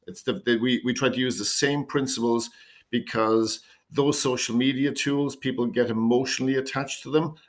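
A man of middle pitch speaks as a company founder in an interview. He explains at an even pace, now and then repeating a word as he restarts a phrase. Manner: measured pitch, repeats words when starting phrases. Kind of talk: business interview answers.

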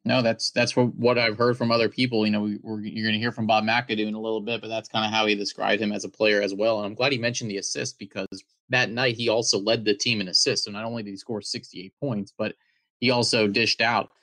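A male host runs a podcast-style interview, asking long, careful questions in an earnest manner. His voice sits on the low side and sounds dry and close to the mic. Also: level tone, fast talker, bright, forceful tone, no room sound.

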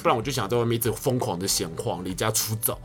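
A young man with a Taiwanese Mandarin accent, co-hosting a casual chat podcast and telling stories in an animated way, acting out arguments. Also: lowish voice, fast, faint music behind. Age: young adult. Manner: animated storyteller, acts out quarrels loudly. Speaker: podcast co-host.

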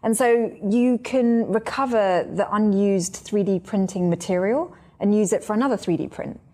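A woman's voice: mid-range voice, moderate pace, dark tone. A woman hosting a science chat, eagerly explaining how things work and asking questions. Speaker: host. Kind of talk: conversational radio chat.

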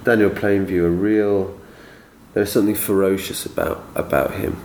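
A man with a very low voice picks his way through his thoughts, pausing on uh and um as he goes. He sounds a bit distant from the mic in a reverberant room. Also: fairly even intonation, a little mellow, slight background noise. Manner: slow, hesitant, fills pauses with uh and um. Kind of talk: casual film discussion. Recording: roomy, slightly distant.

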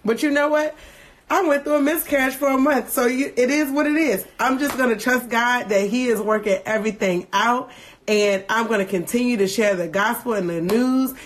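A woman hosting a devotional livestream, reading scripture slowly and deliberately, then breaking into quick, animated asides. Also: a little high, slight background noise. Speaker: podcast host leading a devotional livestream. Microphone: phone livestream.

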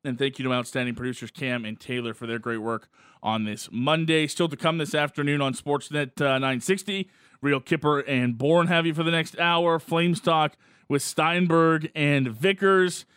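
A man's voice: on the high side, steady tone, moderate pace, fairly bright tone, smooth, no room sound, clean studio sound. A man hosting a sports radio show.

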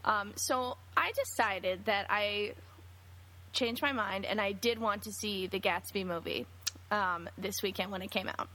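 Female podcast co-host, bright tone, chatty and brisk, casual anecdote. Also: mid-range voice. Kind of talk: casual chat.

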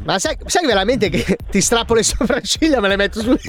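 A man's voice: high voice, lively intonation, fairly quick, a bit bright. A radio host putting on the voice of a brash, bullying man who phones to sell stolen sneakers, rude and threatening. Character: brash bullying male shoe-fence caller from near Naples. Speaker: prank caller.

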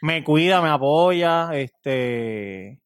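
A man with a Puerto Rican accent, speaking sentimentally and softly about his partner in casual chat. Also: fairly high pitch, animated, extremely slow. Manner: sentimental, soft-spoken praise. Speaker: podcast guest.

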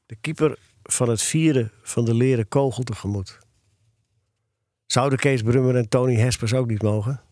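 A man narrating a children's story in a calm, even reading voice. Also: mid-range voice, normal speed, no echo, clean studio sound. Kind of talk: audiobook storytelling.

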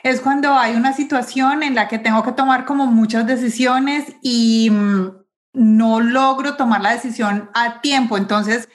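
A woman interviewing in a casual conversational way, candidly sharing her own experience. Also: a little high.

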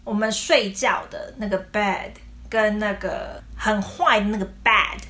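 With a mid-range, fairly bright voice and fairly even intonation, this English teacher works through pronunciation patiently. She offers slowly spoken English phrases as examples.

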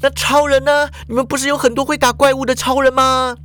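A man voicing a fiery, bossy young woman who shouts and scolds in a shrill voice. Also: little pitch movement, a little fast. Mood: demanding.

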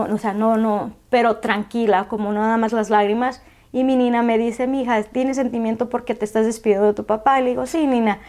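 A woman telling a personal story in conversation, halting and emotional, often repeating words. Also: a little high, a little mellow. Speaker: guest.

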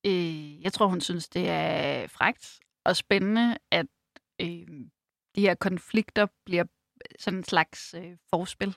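A woman reading a first-person novel aloud in a measured, unhurried way, then talking about the book. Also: fairly low pitch, vocal fry, fairly bright tone, dry recording, studio quality. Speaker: reader and book discussant.

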